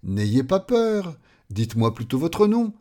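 Man doing a kind vagrant, calm and slow, gentle. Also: a little high. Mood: soothing. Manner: calm, soothing.

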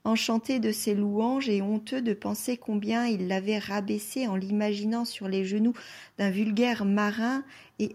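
Slow, measured woman reading a novel. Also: medium pitch, a little mellow. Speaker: audiobook reader. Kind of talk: scripted literary narration.

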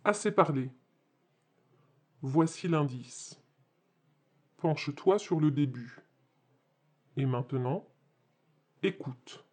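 A menacing female sphinx taunts her prey in a storybook audiobook, as a woman puts her on. She speaks low and extremely slowly, dragging each word out. The tone stays mocking and cruel. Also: expressive, slightly rough, heavily acted. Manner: drawn-out, taunting, counts down slowly. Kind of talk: storybook narration.

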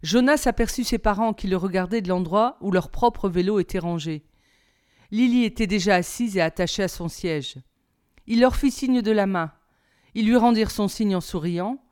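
A woman, a teacher, reading a novel aloud in a calm, even storybook narration. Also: mid-range voice, normal speed.

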